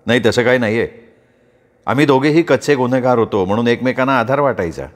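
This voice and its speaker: A man voicing a quiet, modest ex-convict who speaks hesitantly and slowly. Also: mid-range voice, lightly acted. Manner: hesitant, slow. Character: quiet, modest middle-aged ex-convict newcomer.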